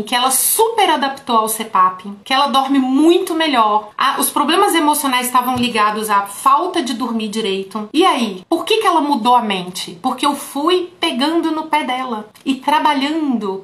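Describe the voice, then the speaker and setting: A woman therapist with a slightly high voice coaches her colleagues in a relaxed, talky way, often turning to her viewers directly. The room around her is roomy and echoey. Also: moderate pace, hardly any pauses. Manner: talks straight to viewers, often saying "folks". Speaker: therapist teaching other therapists. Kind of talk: casual teaching through a patient story. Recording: roomy echo.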